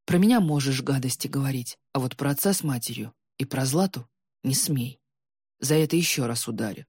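Woman voicing a quiet young man, calm, firm, low and husky. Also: fairly quick, no room sound, studio quality.

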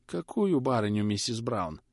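A man's voice: medium pitch, very animated, moderate pace, no room sound, studio quality. A man playing a nervous young knife-grinder who pleads and dodges questions in a storybook reading. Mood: pleading. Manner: whining, pleading.

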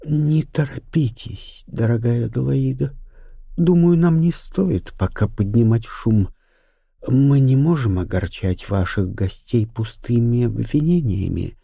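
A man's voice: mid-range voice, animated, measured pace, gravelly, mellow, breathy edge, dry recording, studio quality, exaggerated voice. A man voicing a composed aristocratic lady. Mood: calm. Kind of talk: audiobook character reading.

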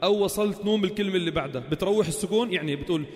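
In a classroom lesson on Quran recitation, a man with a high-sitting, darkish voice fires off questions at rapid speed, quizzing the students and then drawling out example words. The hall gives off a long reverb.

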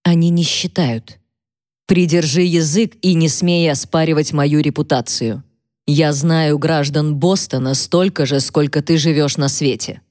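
A woman's voice: low-pitched, fairly even intonation, a little mellow, no room sound, studio quality. A woman voicing an irritated, self-important husband who talks down with sarcasm. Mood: condescending. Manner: condescending, sarcastic, slow.

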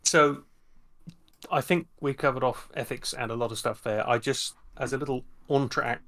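A middle-aged man shares a story on a podcast in an easy, chatty way. He stumbles and restarts often as he acts out the dialogue, at a medium pitch. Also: fairly even intonation, normal speed, a bit bright. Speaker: podcast co-host. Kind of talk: casual anecdote telling.

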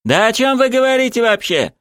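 A man's voice: extremely high pitch, very animated, brisk, smooth, no room sound, clean studio sound, voice pushed up, full character voice. A man voicing an evasive, frightened young male driver in an audiobook. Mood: confused defensive. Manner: defensive, shouting back.

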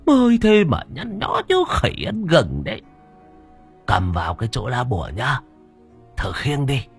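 A man voicing a bossy, gruff old male village shaman who barks orders and scolds. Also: medium pitch, wildly swooping pitch, measured pace, soft background music, pitched above the performer's own voice, heavily acted. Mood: scolding. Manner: barking, scolding, urgent.

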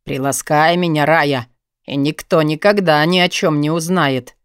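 A woman's voice: low voice, moderate pace, no echo, clean studio sound, voice pushed down, close to an everyday voice. A woman reading an audiobook, voicing a smug young male student who blackmails with a cold, lazy drawl. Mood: sneering. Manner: cold, sneering, lazily drawling.

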